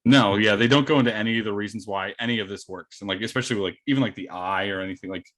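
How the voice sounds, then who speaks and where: A man's voice: lowish voice, very fast, a bit bright. A man co-hosting a casual podcast chat, agreeing often and swearing casually. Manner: agreeable, frequent "yeah", swears. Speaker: podcast co-host.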